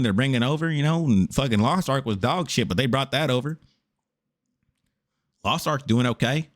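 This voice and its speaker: A worn-out man reacting on stream in a loose, casual way. He lectures with exasperation and keeps saying "brother" at the screen. His voice sits at an ordinary middle pitch for a man. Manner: exasperated, preachy, says "brother" a lot. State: tired after a long stream.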